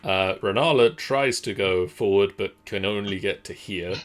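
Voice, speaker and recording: A man narrating a tabletop game casually as game master, describing things in halting, measured phrases. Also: on the low side.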